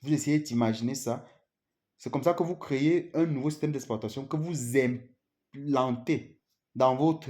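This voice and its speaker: This man speaks at medium pitch with a slightly mellow tone, giving a motivational talk without a script. He's earnest toward his listener, often slips in "vous voyez?" ("you see?"), and frequently stammers and restarts what he's saying.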